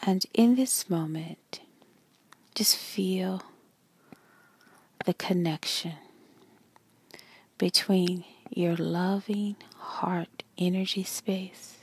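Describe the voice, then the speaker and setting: Slow whispering meditation guide, a woman. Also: fairly low pitch, steady tone, husky. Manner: slow soft whispering, long pauses.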